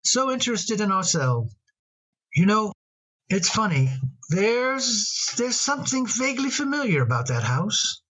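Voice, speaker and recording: A man acting in an old radio drama as a tender father talking fondly to his daughter, gentle and a little halting. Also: sits high, big pitch swings, exaggerated voice, poor audio.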